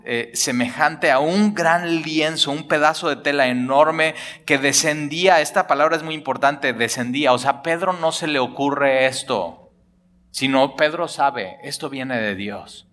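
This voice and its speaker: A man preaching, his voice bright and forceful. He talks animatedly and colloquially, acting out the dialogue as he explains scripture. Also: a little high, measured pace. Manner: animated, acts out dialogue, colloquial Mexican slang. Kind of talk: lively sermon on scripture.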